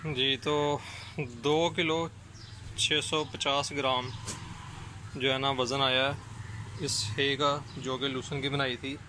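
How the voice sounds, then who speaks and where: A man's voice: mid-range voice, level tone, takes it slowly, long pauses, sharp tone. A man explains, step by step and with many fillers, how he makes hay for his goats. He is outdoors on a rooftop, speaking to a phone camera he holds. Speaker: rooftop goat farming vlogger. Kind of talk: casual explanatory vlog. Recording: outdoor recording with clear background noise.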